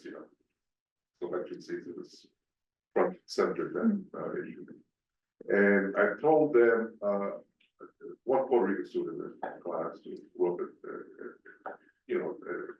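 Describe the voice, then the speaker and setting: Older man speaking in a roomy hall. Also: lowish voice. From New York. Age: 60s. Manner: reflective, hesitant, with many fillers. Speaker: panelist, teacher. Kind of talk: panel discussion. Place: panel event in a hall. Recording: roomy, distant and dull.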